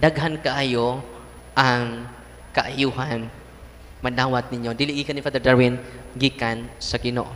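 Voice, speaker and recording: Animated Cebuano priest preaching in a hall. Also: male voice, mid-range voice, a little slow, pauses often, slight background noise. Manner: animated storyteller, acts out voices and laughs. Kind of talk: lively preaching with humor.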